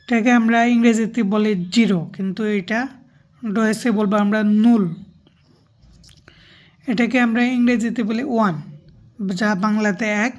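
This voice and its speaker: Woman explaining a language lesson slowly, a bit high voice, asks rhetorical questions. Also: fairly even intonation, darkish tone. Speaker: language teacher.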